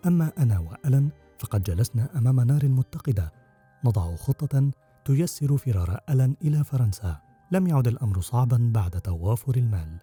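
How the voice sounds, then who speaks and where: A man reading a first-person audiobook narration in an expressive storytelling manner. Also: mid-range voice, a little fast, husky, faint music behind.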